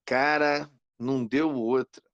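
A man co-hosting a podcast, telling an animated story in casual chat and acting out the lines of the people in it. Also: medium pitch, slow, dry recording, lo-fi sound. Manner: animated, acts out quoted lines. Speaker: podcast co-host.

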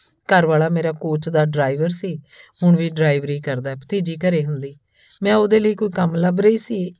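A woman narrating a story in a calm, even storytelling manner, reading both the man telling it and the woman he meets. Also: deep voice, dry recording, studio quality. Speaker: audiobook narrator.

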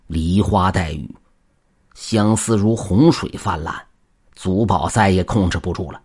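A male storyteller reading a folk tale with a husky, low-pitched voice. His delivery is expressive, moving from quiet passages to lively ones with a pitch that swings widely. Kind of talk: scripted narration of a folk tale.

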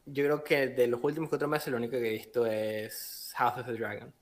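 A man's voice: mid-range voice, a little fast. A man in a casual film chat, citing figures and joking. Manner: lively, cites figures, jokes. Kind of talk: casual group chat about films.

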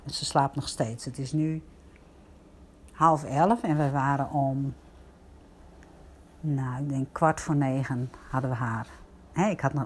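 Low-voiced grandmother telling a story. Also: slight background noise. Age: older. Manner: gentle, reflective storytelling with soft asides. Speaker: grandmother sharing a personal story. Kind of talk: casual personal monologue to viewers.

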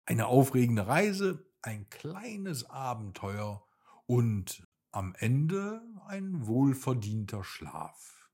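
Male storyteller for a children's bedtime story, soothing and gentle, slow and highly expressive. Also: creaky, breathy edge.

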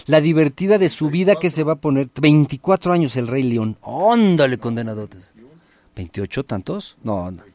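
A man with a Mexican Spanish accent chats playfully as a host, teasing his guest. His voice sits a bit higher than most men's and sounds dry and close. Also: a little mellow, no room sound. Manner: playful, teasing, addresses listeners as comadres and compadres. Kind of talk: casual chat.

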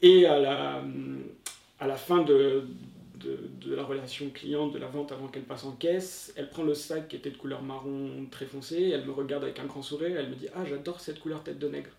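Man in his thirties, gravelly voice, halting and emotional, echoey room, distant mic. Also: medium pitch, fairly even intonation, warm tone. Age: 30s. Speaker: former salesman sharing his experience. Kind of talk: testimony to camera.

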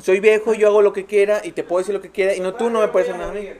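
A man with a Mexican accent, co-hosting a podcast in casual banter, joking and acting out characters in quick bits. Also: high-pitched, level tone, darkish tone. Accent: Mexican Spanish. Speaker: podcast co-host.

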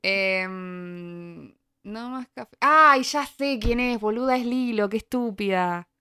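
Bright giggly Rioplatense woman. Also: mid-range voice, slow, smooth. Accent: Rioplatense Spanish. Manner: giggly, animated. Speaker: quiz player. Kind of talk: casual chat.

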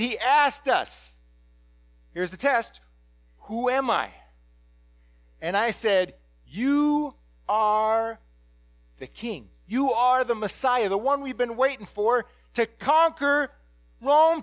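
A man playing the fisherman Peter, high and halting. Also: dry recording. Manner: rambling, halting, casual, with many restarts; excitable, blurting. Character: apostle Peter, blunt ordinary fisherman, middle-aged man. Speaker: dramatic first-person preacher. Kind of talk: first-person biblical monologue to a congregation.

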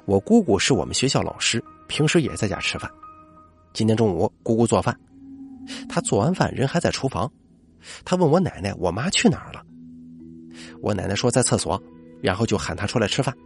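A man hosting a late-night podcast, telling listener-submitted ghost stories and dropping his voice low for the eerie moments. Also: brisk, creaky, pauses often, soft background music. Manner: lively storyteller voice, drops low for eerie moments. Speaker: podcast host.

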